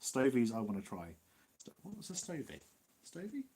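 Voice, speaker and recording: A man's voice: medium pitch, huge pitch swings, moderate pace, dark tone, slight background noise. A man with an East Midlands English accent, hosting a casual live Q&A, chatty and rambling, laughing often. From Nottinghamshire, England. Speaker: livestream host.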